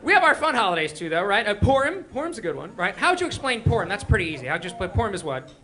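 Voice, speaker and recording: A young man from Israel performing a stand-up set with quick, animated crowd work and mock voices, on a live stage. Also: high voice. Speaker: stand-up comedian. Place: live comedy stage before an audience. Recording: live room with faint crowd noise.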